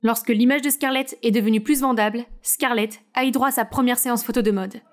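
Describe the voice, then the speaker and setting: A woman's voice: a little high, steady tone, a little fast. A woman narrating a short story in a conversational way with personal asides.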